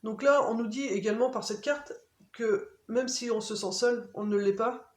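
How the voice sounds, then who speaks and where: A woman giving an oracle card reading to her viewers in a gentle, soothing way, often pausing on fillers. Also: a little high. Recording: echoey room.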